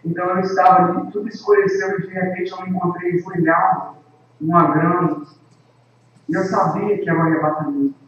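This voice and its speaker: A man tells an earnest testimony to a camera, slow and solemn, leaning on each phrase. His somewhat high voice sits far from the mic in a very echoey space. The recording sounds dull and lo-fi, with faint room ambience behind. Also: flat delivery, fairly bright tone. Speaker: evangelist and worship leader. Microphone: camera microphone.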